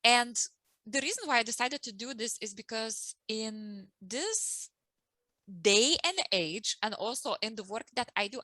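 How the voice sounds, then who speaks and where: A woman's voice: a little high, pushed and bright, no echo, poor audio. A woman hosting an interview and introducing her guest, in casual speech with ums, restarts and slightly non-native phrasing. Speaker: host and emotional well-being coach.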